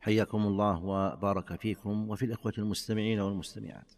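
A man, a religious scholar, answering in formal Standard Arabic in short, deliberate phrases. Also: lowish voice, steady tone, darkish tone, in a large hall.

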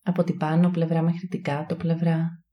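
A woman guides a body scan meditation, calm, soothing and hushed, with long pauses between short phrases. Her voice is low and the recording sounds muffled.

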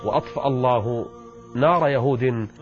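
A man's voice: medium pitch, moderate pace, over music. A man preaching as a dramatic storyteller, his voice rising in quoted speech. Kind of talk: sermon retelling a story from the Prophet's life. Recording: dull lo-fi recording.

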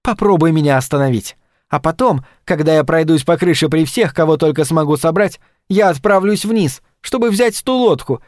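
A man's voice: fairly high pitch, expressive, normal speed, a little mellow, no echo, studio quality, natural voice. A man voicing a defiant fiery young woman. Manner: defiant, near tears.

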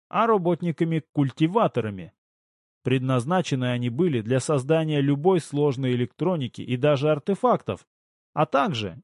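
A man reading a first-person novel aloud in a steady, even storytelling voice. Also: mid-range voice, no echo, clean studio sound. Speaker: audiobook narrator. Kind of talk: scripted first-person audiobook narration.

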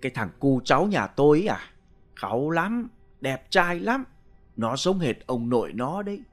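Man playing a boastful, chattering middle-aged woman, quick and soft. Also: a little high, sing-song, soft background music. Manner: chattering, showing off.

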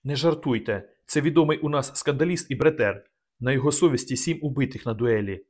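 A man reading an audiobook, voicing an anxious young noblewoman who speaks softly and pleads. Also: medium pitch, a little fast, lightly acted. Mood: worried. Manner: soft, pleading.

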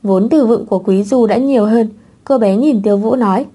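Một người phụ nữ đọc truyện audiobook bằng giọng đều đều, không vội vàng. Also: female voice, on the high side, fairly quick, mellow, husky. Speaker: narrator. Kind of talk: audiobook narration of a web novel.

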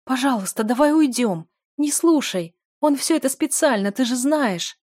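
A woman voicing a young duke's daughter in an audiobook, shouting and pleading through tears. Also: sits high, lively intonation, moderate pace, dry recording, studio quality, pitched above the performer's own voice. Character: furious, tearful young noblewoman, a duke's daughter.

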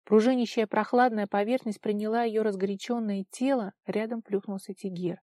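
A woman narrating a storybook in an even, steady read. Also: medium pitch, normal speed, dry recording, clean studio sound. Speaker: audiobook narrator. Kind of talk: scripted narration.

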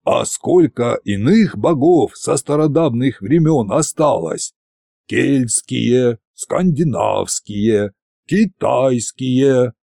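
A man voicing an eccentric, gloomy old tsar in an audiobook, speaking in a slow, musing way. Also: mid-range voice, animated, vocal fry, dark tone, no room sound, clean studio sound.

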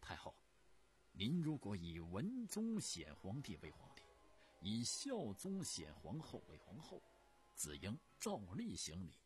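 A male storyteller voicing a principled court minister who argues in measured, drawn-out, dogged speech. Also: lowish voice, huge pitch swings, darkish tone, soft background music. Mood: resolute.

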